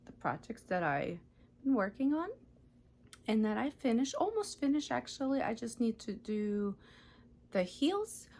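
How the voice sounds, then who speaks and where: Slow, gravelly-voiced woman from Ukraine. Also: on the high side, darkish tone. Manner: chatty, self-correcting, often unsure of details. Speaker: knitting podcast host. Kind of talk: casual show-and-tell vlog.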